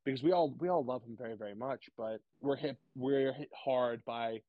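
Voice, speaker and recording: A young man speaking candidly as a podcast guest, halting and repeating words, emotional about his family. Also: mid-range voice, no room sound, narrow, tinny audio.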